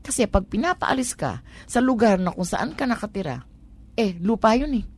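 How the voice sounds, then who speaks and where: A woman's voice: medium pitch, very animated, moderate pace, slightly rough. A woman with a Manila Tagalog accent explains conversationally on a talk program, posing rhetorical questions and switching between Tagalog and English. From Manila, Philippines.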